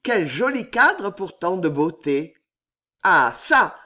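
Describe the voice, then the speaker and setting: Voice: mid-range voice, sing-song, slow, pushed and bright, full character voice. A reader voicing a young male officer, a knight, with a polite, earnest manner. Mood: admiring.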